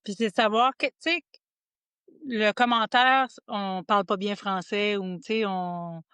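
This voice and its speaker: A woman from Quebec with a Quebec French accent, co-hosting a podcast in casual chat, often restarting and trailing off into quieter asides. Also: mid-range voice, steady tone, measured pace, clear, resonant tone, no room sound. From Quebec, Estrie region. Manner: chatty, many restarts, drops to quiet asides. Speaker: podcast co-host. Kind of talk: casual conversation.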